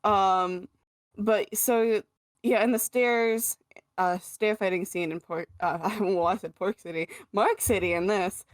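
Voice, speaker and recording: A woman's voice: medium pitch, fairly even intonation, takes it slowly, no room sound. A woman co-hosting a podcast in casual chat, chatty with many fillers and frequent laughs. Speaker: podcast co-host.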